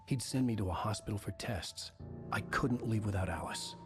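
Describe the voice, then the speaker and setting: A man's voice: lowish voice, normal speed, close to an everyday voice. Man acting a terse, brooding male game protagonist. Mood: guarded. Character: troubled male writer narrating his own ordeal. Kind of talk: video game dialogue and first-person narration. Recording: background music under voice.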